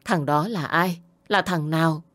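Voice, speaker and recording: A woman's voice: low voice, unhurried, no echo. A woman voicing an anguished old grandmother who scolds and laments, raising her voice. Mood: scolding. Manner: scolding, lamenting, loud and pleading.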